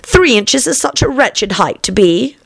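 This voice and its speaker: Woman doing a meek lil storybook girl, high n swoopy, polite but anxious, plaintive. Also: very animated, unhurried, vocal fry, slightly rough, no room sound, full character voice. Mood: timid. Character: polite, timid, anxious little girl, Alice.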